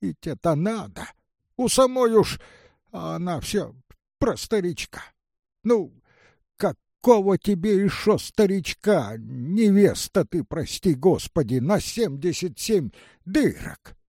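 A man doing a sharp-tongued old village woman. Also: high voice, big pitch swings, slow, vocal fry, dry recording, clean studio sound, heavily acted. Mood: mocking. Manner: blunt, scolding, exclaiming.

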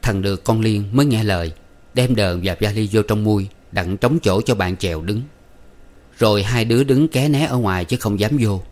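Male narrator, lowish voice, steady audiobook storytelling.

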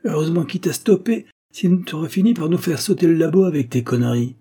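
Man putting on a slangy joking young guy, husky, dark. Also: fairly high pitch, fast talker, pitched above the performer's own voice. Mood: teasing. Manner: streetwise slang, teasing.

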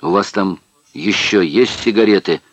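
A man voicing a rough male camp prisoner who croaks and demands cigarettes. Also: lowish voice, unhurried, fairly bright tone, dry recording, exaggerated voice, poor audio. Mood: demanding. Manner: croaking, pushy.

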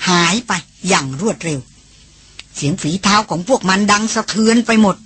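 A woman narrating an adventure novel as an audiobook, with steady, descriptive storytelling. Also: medium pitch, slightly rough. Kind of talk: scripted narration.

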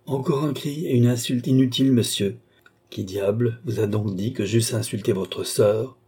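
A man reading an audiobook, voicing a proud, tired count who speaks with calm, disdainful haughtiness. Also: medium pitch, normal speed, husky, lightly acted. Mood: impatient.

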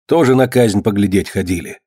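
A man's voice: on the low side, a little fast, warm tone, slightly rough, no room sound, clean studio sound. A man narrating a historical tale and voicing each character. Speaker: audiobook narrator.

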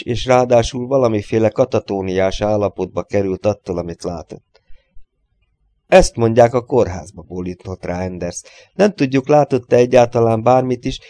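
A man reading a crime novel aloud as an audiobook, lifting his voice for the characters' lines and dropping low for the narration between them. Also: mellow, no room sound. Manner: voices dialogue with lifted pitch, drops low for narration tags. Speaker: audiobook reader.

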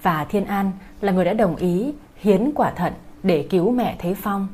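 A woman's voice: mid-range voice, moderate pace, dark tone, breathy edge. A woman host giving a polite, formal scripted introduction to an audiobook for her listeners. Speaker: channel host.

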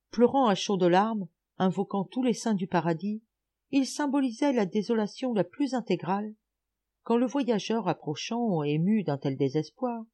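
A woman reading a story aloud as an audiobook reader, in lively and expressive literary narration. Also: on the low side.

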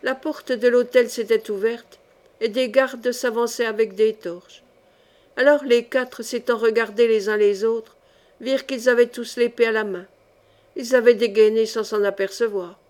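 A woman narrating an old historical adventure novel as an audiobook. She reads in a measured, expressive way, and her voice sits a bit high for a woman. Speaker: audiobook reader.

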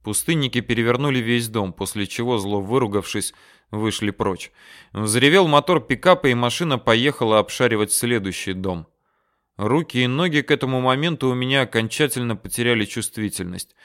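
Brief: male narrator, resonant clear voice, steady first-person audiobook reading. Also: mid-range voice, a little fast.

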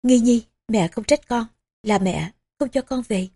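A woman's voice: a little high, mellow, husky, no room sound. A woman reading as a frail dying old mother. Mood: tender, faint. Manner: weak, trembling, halting speech. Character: frail dying elderly mother, tender and breathless.

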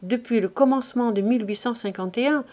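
Audiobook narrator, woman, fairly high voice, steady expressive reading. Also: fast talker. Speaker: audiobook reader.

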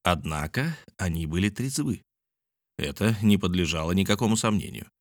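Male audiobook narrator, low voice, measured, dry close-mic sound. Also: no room sound. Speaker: audiobook reader. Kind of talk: scripted narration.

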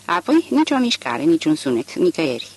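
A man narrates a literary novel as an audiobook. His voice sits somewhat high and moves with lively swings of pitch. The reading is expressive and varied. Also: breathy edge.

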